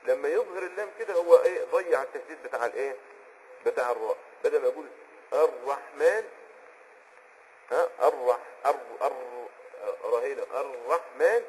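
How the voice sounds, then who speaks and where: A man with an Egyptian accent teaching Islamic jurisprudence in a conversational explanatory lesson, often pausing on a filler word while he hunts for a term and checking that the listener is following. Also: mid-range voice, a little mellow, slight background noise, poor audio. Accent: Egyptian Arabic. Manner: checks on the listener with quick asides.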